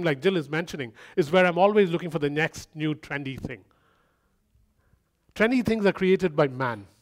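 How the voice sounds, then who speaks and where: A man with a fairly high voice preaches a sermon in a relaxed, conversational way. He slips in humorous asides and builds his points by repeating phrases.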